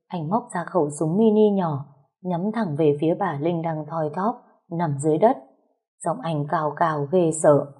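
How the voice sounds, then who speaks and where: A woman's voice: sits low, warm tone, husky. A woman narrating a first-person dramatic story with an emotional reading.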